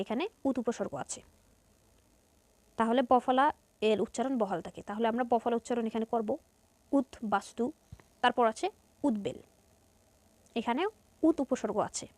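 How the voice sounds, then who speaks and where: A woman's voice: on the high side, mellow, no echo. A woman with a Bangladeshi Bengali accent teaching a grammar lesson to students, going step by step and asking and answering her own questions.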